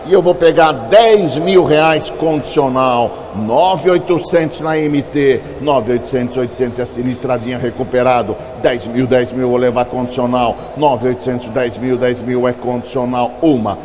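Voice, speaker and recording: A man's voice: mid-range voice, moderate pace, hardly any pauses, noisy background. A Brazilian man working as an auctioneer, chanting bids in short, repeated number phrases. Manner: repetitive bid calling, clipped number phrases.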